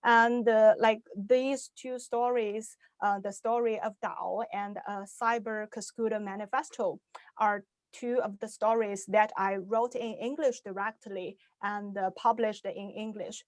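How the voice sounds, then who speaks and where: A young adult woman from Shanghai, China, a science fiction author whose first language is Chinese, gives an online talk in English about her writing. Her mid-range voice has fairly even intonation in a dry recording, and she hesitates a lot, filling pauses with "uh" and "um" and restarting sentences.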